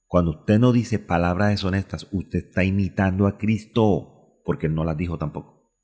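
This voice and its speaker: A man from Colombia delivers a radio sermon in a very low, husky voice. He asks questions aloud and answers them himself, repeating key phrases for emphasis. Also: normal speed, warm tone, long reverb tail. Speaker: pastor.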